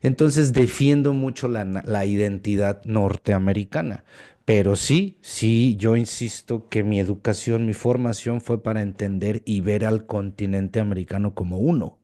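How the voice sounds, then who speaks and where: A man from Mexico, interviewing a teacher in a chatty, animated way. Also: fairly low pitch, moderate pace. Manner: animated, talkative, addresses guest as "profe". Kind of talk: casual interview chat.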